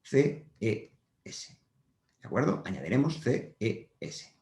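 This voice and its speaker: A man's voice: medium pitch, big pitch swings, takes it slowly, a little mellow. A man giving a patient whiteboard grammar lesson to schoolchildren, repeating each point and checking in often. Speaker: primary school teacher. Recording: roomy echo.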